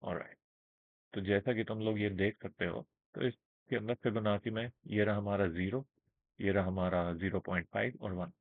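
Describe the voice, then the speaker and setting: A man teaching trading in a casual screen-share lesson, speaking slowly and checking in with his listeners often. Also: lowish voice, steady tone, dry recording. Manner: explains with everyday examples, checks in with listeners. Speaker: trading instructor. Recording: narrow phone-like band, dry.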